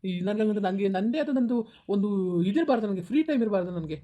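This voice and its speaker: A woman's voice: mid-range voice, lively intonation, warm tone, natural voice. A woman playing an irritable, defensive young husband who scolds his wife in a village comedy skit. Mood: irritated. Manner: snappish, scolding, quick-talking.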